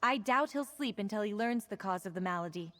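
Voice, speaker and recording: An actress playing a caring but stern healer in a video game, speaking in an earnest, measured, polite way. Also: female voice, mid-range voice, lively intonation, fairly bright tone, soft background music, natural voice. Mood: calm, explaining. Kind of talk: video game quest dialogue.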